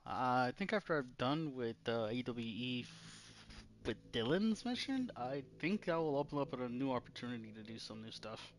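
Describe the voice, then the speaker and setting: A young man giving relaxed, casual gameplay commentary, thinking aloud as he plays. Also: mid-range voice, moderate pace. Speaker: gameplay streamer.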